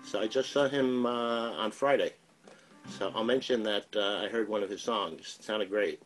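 A man, a singer-songwriter who owns a music store, introducing his songs on stage in a relaxed, friendly way. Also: lowish voice, moderate pace, rough recording. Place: community cultural center stage.

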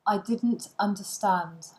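A woman reads set phrases for a language lesson, one short line at a time, each followed by its translation. She speaks at a very slow, deliberate pace with long pauses. Her pitch sits in an ordinary middle range. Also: darkish tone, rough recording. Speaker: language teacher.

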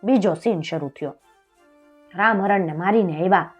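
A woman narrating a folk tale in a lively, expressive storytelling voice. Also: lowish voice, normal speed, husky, highs cut off, faint music behind.

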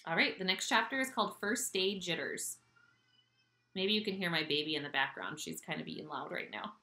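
A woman reading a children's novel aloud with expressive, animated storytelling, recorded in an echoey room. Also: on the low side. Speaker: audiobook reader.

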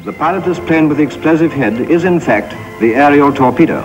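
A man's voice: a little high, lively intonation, fairly quick. A man announcing formally in an old newsreel recording, played from the archive. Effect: old newsreel recording played back. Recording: muffled lo-fi archival newsreel with music.

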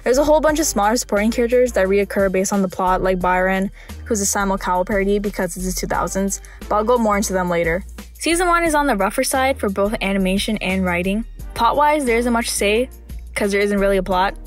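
A woman's voice: mid-range voice, fast, faint music behind. A woman narrating scripted video commentary with dry, wry humour.

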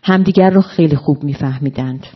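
A woman translator reading a novel excerpt aloud at a literary panel in a calm, measured way, in a dull lo-fi recording. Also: sits low, husky. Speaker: translator and guest speaker.

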